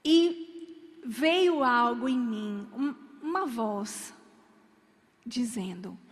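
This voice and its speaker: A woman's voice: high-pitched, expressive, drawn-out words, big-room sound. A woman preaching a sermon, telling stories dramatically and acting out the people in them.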